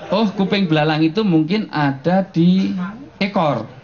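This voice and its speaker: A man's voice: on the high side, measured pace. A man giving a humorous sermon, telling jokes and chuckling often. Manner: joking, animated storytelling with frequent chuckles. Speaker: preacher. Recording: dull, noisy live recording.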